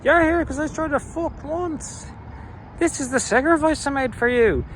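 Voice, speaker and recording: A man's voice: extremely high pitch, moderate pace, a little hiss or hum, voice pushed up. A man putting on a drunk, self-pitying middle-aged Irish father who rants crudely to guilt-trip his kids. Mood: ranting. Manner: ranting, guilt-tripping, crude.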